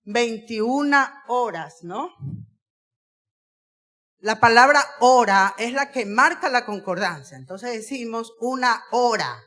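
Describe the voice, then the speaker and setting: A woman's voice: on the high side, expressive, slow, pauses often, sharp tone. A woman giving a talk on usage to students in a school auditorium, drawing out key words and putting questions to the audience. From Ecuador. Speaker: guest speaker on Spanish usage.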